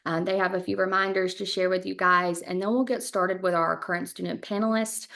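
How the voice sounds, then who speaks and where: A woman with a slightly low, gravelly voice hosts an online webinar for new students. She keeps things organized and friendly, filling pauses with ums as she explains the session over a video call. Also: level tone, fairly bright tone. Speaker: graduate school recruitment director hosting webinar.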